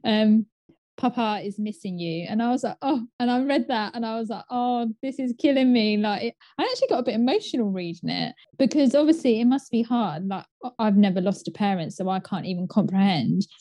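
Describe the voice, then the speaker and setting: A woman's voice: medium pitch, fast talker, few pauses, warm tone, no room sound. A woman co-hosting a casual chat podcast, chatty and filling her talk with "like" and "um". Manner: chatty, frequent "like" and "um". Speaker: podcast co-host.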